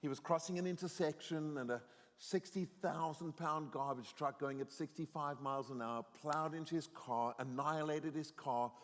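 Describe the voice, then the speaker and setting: A man's voice: fairly high pitch, fairly even intonation, normal speed, a bit bright. A middle-aged man giving a storytelling sermon as a guest preacher in a university chapel, earnest and increasingly emphatic. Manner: earnest storyteller, grows more emphatic and exhorting. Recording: reverberant chapel hall.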